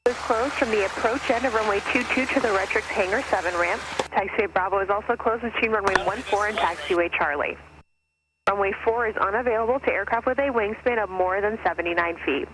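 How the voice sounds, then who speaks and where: A machine voice reading an automated airport weather and runway broadcast over aircraft radio, in an even, clipped readout of numbers and notices. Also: medium pitch, fast talker, background noise. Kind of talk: recorded airport information broadcast.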